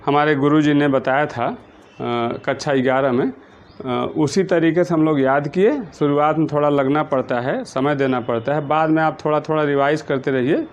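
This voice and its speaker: A man teaches chemistry in a patient, repetitive way, at times chanting memory syllables in a slow sing-song. His voice sits a little high for a man. The recording is dull and lo-fi. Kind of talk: blackboard-style lesson explanation.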